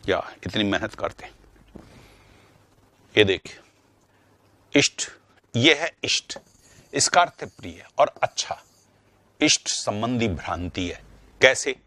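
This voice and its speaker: A man's voice: fairly low pitch, fairly bright tone. A male teacher giving an online grammar lesson, asking rhetorical questions and repeating key words for stress.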